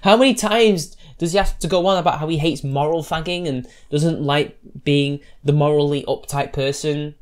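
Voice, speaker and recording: A YouTube commentator with a fairly high voice reacts to posts in a combative, sarcastic way, speaking at a normal speed with hardly any pauses. His delivery is loose and rambling, full of restarts.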